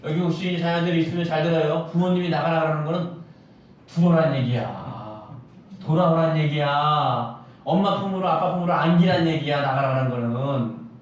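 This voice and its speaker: A man's voice: a little high, fast, dull audio. A man pastor preaching a Sunday sermon, firing rhetorical questions at the congregation and acting out quoted voices. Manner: acts out quoted voices of God and Solomon. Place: church sanctuary. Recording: echoey church hall, mic at a distance.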